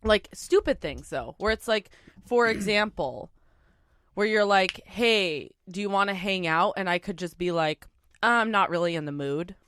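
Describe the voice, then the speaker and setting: A young woman chats loosely on a podcast, dropping curses and laughing as she eats. Her voice comes through smooth and clean. The sound is close and dry. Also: medium pitch, lively intonation, moderate pace, a bit bright, dry recording. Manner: profane, laughing, eating while talking. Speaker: podcast co-host. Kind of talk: casual chat over a meal.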